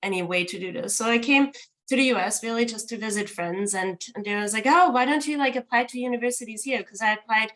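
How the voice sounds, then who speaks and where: A woman's voice: on the high side, fast, fairly bright tone, rough recording. A woman in her thirties from Austria, speaking as an architect in a conversational interview. She tells her story with animation and leans on "like" and "um". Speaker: architect, studio co-founder.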